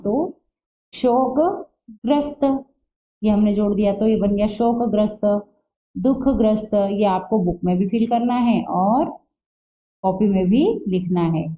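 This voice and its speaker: A woman teaching a school Hindi lesson, patiently asking questions and answering them herself, spelling words out slowly, on a dull lo-fi recording. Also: medium pitch, mellow. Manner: patient, asks and answers her own questions. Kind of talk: classroom lesson walkthrough. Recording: dull lo-fi sound.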